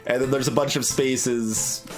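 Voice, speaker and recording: A game streamer delivers casual playthrough commentary, thinking aloud in a hesitant, rambling, analytical way over background game music. His mid-range male voice is fairly even in intonation and unhurried, and the audio quality is poor.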